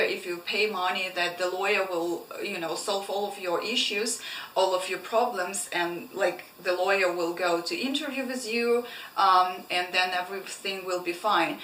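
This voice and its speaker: Bright-voiced woman vlogging. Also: mid-range voice. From Ukraine. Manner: many fillers and restarts, chatty. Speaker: travel vlogger. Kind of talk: casual vlog monologue. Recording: roomy, slightly distant mic, faint room noise.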